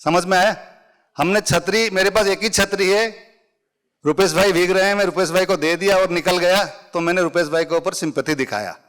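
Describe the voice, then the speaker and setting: With a fairly bright tone and a voice that sits high, a middle-aged man speaks at a moderate pace. He is running a conversational public speaking workshop for a live audience, mixing English phrases in and explaining things through everyday examples.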